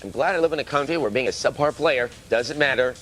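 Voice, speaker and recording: A man's voice: medium pitch, fast, a bit bright, a little hiss or hum. A man co-hosting a video game review show, trading self-mocking quips in studio banter. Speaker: TV show co-host.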